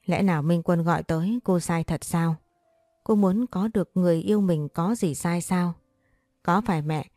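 A woman narrating a first-person story in a steady, earnest reading voice. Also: lowish voice, no echo, studio quality.

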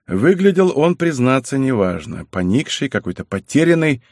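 A man reading a first-person audiobook narration in a lively, expressive way. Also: medium pitch, moderate pace, dry recording, clean studio sound.

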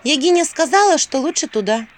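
A woman's voice: high voice, expressive, brisk, a little hiss or hum, voice pushed up. A woman voicing an earnest young sorceress girl who speaks with worry and frequent sighs. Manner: earnest, worried, sighing. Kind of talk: audiobook character voice.

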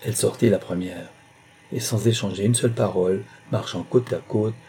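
Male narrator, audiobook reading, low voice, dark mellow tone, steady pace. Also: normal speed, a little hiss or hum. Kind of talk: scripted novel narration.

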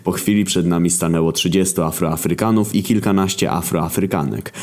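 A man narrates a story in a deadpan, crude voice. His tone is very deep and low. He reads from a script at an even, unhurried pace.

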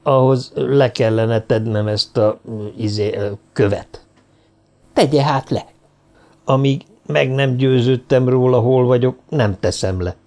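A man reading a dazed giant professor, deep and hollow. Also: darkish tone, natural voice. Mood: stubborn. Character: huge dazed male professor, deep booming.

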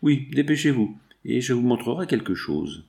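A man's voice: mid-range voice, sing-song, moderate pace, creaky, dark tone. A man voicing a sly, jovial man in disguise who coaxes and teases, in an audiobook reading.

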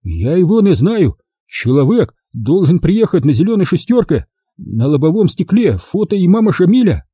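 A man's voice: high voice, very animated, dark tone, husky, dry recording, clean studio sound, voice pushed up, full character voice. A man voicing a terrified, pleading young male captive in an audiobook. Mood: frightened. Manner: frightened, pleading, halting. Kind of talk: audiobook character voice.

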